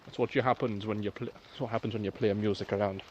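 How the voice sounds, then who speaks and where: A man's voice: lowish voice, fairly even intonation, quick pace, a little mellow, lo-fi sound, a little hiss or hum. A young man, filming himself outdoors on a phone while exploring a cold abandoned building, swearing and joking drily. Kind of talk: casual vlog chat. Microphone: phone camera.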